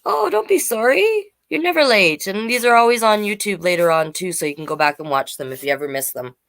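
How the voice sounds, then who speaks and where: A brisk woman with medium pitch, lively intonation, vocal fry and a fairly bright tone reads aloud at a children's storytime. She keeps it conversational, pausing for asides and asking listeners questions.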